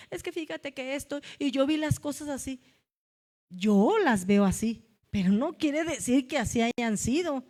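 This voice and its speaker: A woman with a Mexican Spanish accent giving an emotional, confessional testimony at a church gathering, speaking directly to the congregation as brothers and sisters. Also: fairly high pitch. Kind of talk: testimony sermon. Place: church meeting room.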